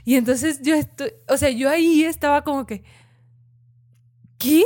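A woman with a high, light voice tells a personal story in a lively, casual way. She stumbles over fillers and restarts as her thoughts race. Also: unhurried. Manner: animated, many "o sea" fillers.

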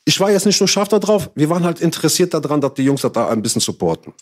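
A man's voice: a little high, fast. A man chatting casually, telling a story in slangy speech and acting out what others said. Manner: slangy and animated, swears he is not lying, acts out others' lines. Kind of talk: casual chat, telling an anecdote.

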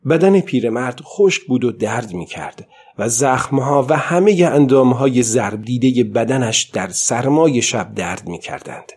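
A man narrating an audiobook at a measured, steady pace. His voice is husky and mid-pitched, and he keeps the reading even and calm.

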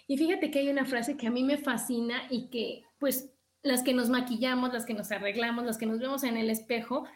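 A woman's voice: on the high side, steady tone, brisk, roomy sound. A woman hosting a talk show, speaking with enthusiasm and emphatic repetition. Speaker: show host. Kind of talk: radio-style talk show.

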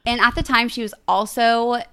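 A woman's voice: on the high side, fairly even intonation, normal speed, sharp tone, clear, resonant tone, dry recording. Young woman podcast co-host, chatty storyteller, lots of "like", dry closely miked sound. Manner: chatty, fills speech with "like". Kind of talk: casual chat, retelling a story.

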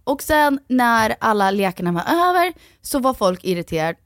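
Chatty woman telling lively stories. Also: a little high, no room sound, studio quality. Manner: animated storyteller who acts out others' words. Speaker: podcast co-host. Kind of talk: casual chat.

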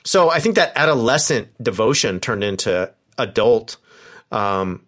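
A man's voice: lowish voice, animated, measured pace, fairly bright tone. A man in his forties from Southern California, a professor and former pastor, talking casually and acting out quoted voices as he tells stories. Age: 40s. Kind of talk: casual podcast conversation.

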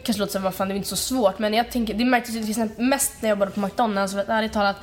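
A woman's voice: medium pitch, steady tone. A young adult woman co-hosting a podcast in casual chat, talking frankly with lots of fillers and the odd swear word. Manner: chatty, frank, swears freely, many fillers. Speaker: podcast co-host.

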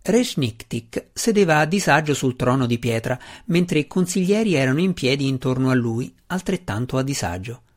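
Brief: man, audiobook narration, steady and expressive, mid-range pitch. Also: moderate pace, hardly any pauses. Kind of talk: scripted narration.

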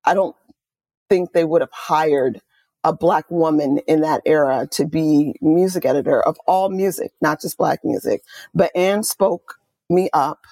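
A deep-voiced middle-aged woman, an author and music journalist from Oakland, California, speaks a little slowly with no room sound. She tells stories in a conversational interview, animated and enthusiastic, with quoted asides along the way.

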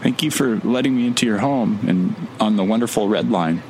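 A man's voice: fairly low pitch, a little fast, darkish tone, a little hiss or hum, lightly acted. A man playing a bewildered, awkward newcomer who speaks in a nervous, sarcastic way in an audio drama. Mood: exasperated. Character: bewildered, awkward young man newly arrived.

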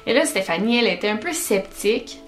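A woman with a Québécois accent, hosting a podcast and telling paranormal stories in an animated, chatty way. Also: mid-range voice, fairly quick, faint music behind. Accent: Québécois French. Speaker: podcast host.

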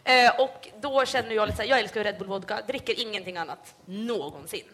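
A woman's voice: mid-range voice, fairly bright tone. A young woman from Sweden with a Hälsingland accent, hosting a live podcast and telling a comic story full of fillers. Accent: Hälsingland Swedish. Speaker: podcast host. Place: live event stage.

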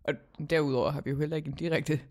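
A woman's voice: low voice, fairly even intonation, a little mellow. A woman chatting casually and emphatically as a podcast host. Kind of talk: casual gossip chat.

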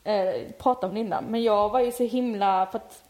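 A woman telling a story in casual chat, emotional and quick to laugh. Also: mid-range voice, darkish tone.

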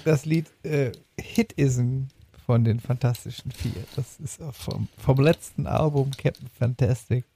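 This podcast host has a mid-range, dark-toned voice and takes his time, with slight background noise behind him. Chatting casually about music, he stammers, repeating words and phrases while he collects his thoughts.

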